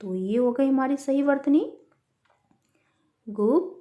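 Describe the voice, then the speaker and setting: Slow, patient woman teaching young children. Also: high voice, dull audio. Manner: spells words out syllable by syllable, calls listeners beta. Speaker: primary school teacher. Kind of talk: worksheet lesson for young children.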